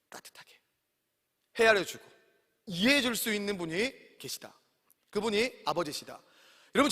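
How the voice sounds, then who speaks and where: A man in his thirties delivers an animated sermon, calling out to his congregation. His voice is bright and sharp and swings widely in pitch. A long reverb trails each phrase in the large hall. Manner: animated preaching, addressing the congregation often. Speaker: pastor. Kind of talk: sermon at a campus worship service.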